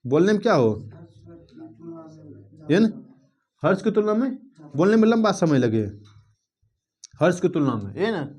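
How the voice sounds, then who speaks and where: A male teacher with a fairly high voice runs a grammar lesson. He keeps quizzing his students and asking whether they follow, and now and then stretches vowels out slowly to demonstrate length. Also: very animated, a little mellow. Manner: drills students with repeated questions and "clear?" checks; drawls words out slowly to show vowel length.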